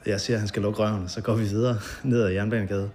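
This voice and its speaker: A man's voice: on the low side, little pitch movement, a little mellow. A man recounting a past night in a documentary interview, hesitant and full of fillers.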